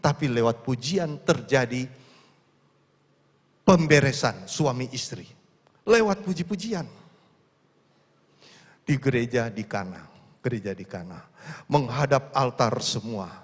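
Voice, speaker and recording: A man's voice: mid-range voice, expressive, unhurried, long pauses, slightly rough. A man preaching a sermon, telling stories with acted quotes and building to fervent calls to praise. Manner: storytelling with acted quotes, rising to fervent exhortation. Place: large church hall. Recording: long church reverb.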